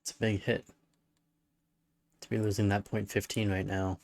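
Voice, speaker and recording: Low-voiced man streaming a strategy game. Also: little pitch movement, moderate pace, darkish tone. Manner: musing, thinking aloud with murmured hmms. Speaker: gaming streamer. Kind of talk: casual live-stream commentary while playing a strategy game.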